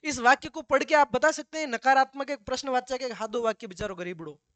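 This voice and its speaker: A man's voice: very high-pitched, fast talker, a bit bright, no room sound. A male teacher giving a classroom grammar lesson, with joking asides and slips into local dialect.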